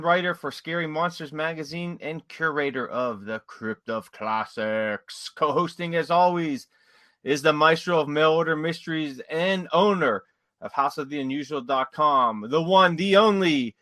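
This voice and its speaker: Laid-back podcast host with a stuffy nose. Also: male voice, fairly high pitch, moderate pace, dry recording. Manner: relaxed, friendly, says "man" often. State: stuffy from allergies. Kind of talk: casual podcast chat.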